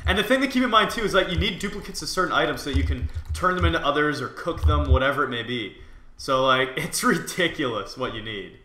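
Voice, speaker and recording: A man's voice: fairly high pitch, animated, fast talker, bright, forceful tone, echoey room, a little hiss or hum. A man giving casual gameplay commentary, often muttering to himself as he plays. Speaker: gaming video host and player.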